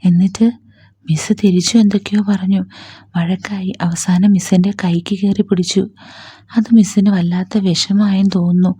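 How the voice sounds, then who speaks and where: Woman reading as an eager young college guy, breathless, husky soft voice, low and even. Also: no room sound. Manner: hurried, breathless telling. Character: excited young male student, gossipy and loyal.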